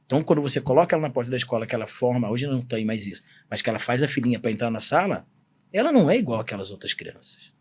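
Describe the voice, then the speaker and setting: A man's voice: mid-range voice, sing-song, rapid-fire, slight background noise. A man in his forties from Brazil, a samba singer telling a personal story in a podcast interview, earnest and emphatic. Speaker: guest, samba singer-songwriter.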